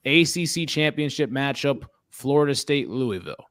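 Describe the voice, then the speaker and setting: A man's voice: medium pitch, lively intonation, normal speed, a bit bright, smooth, no room sound, clean studio sound. A man hosting a casual sports talk show, leading the talk and quizzing his co-hosts in a joking way. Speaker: podcast host.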